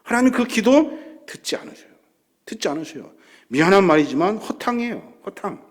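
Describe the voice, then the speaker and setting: A man's voice: high voice, fairly quick. A male pastor delivering a sermon in a church, asking the congregation questions and acting out sample prayers. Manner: animated, rhetorical questions, acts out prayers. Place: church sanctuary.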